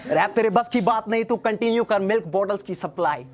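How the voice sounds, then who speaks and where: A man's voice: sits high, a little fast, crowd noise. A young man performing battle rap, cocky and taunting, dropping English phrases into his rhymes. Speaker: battle rapper.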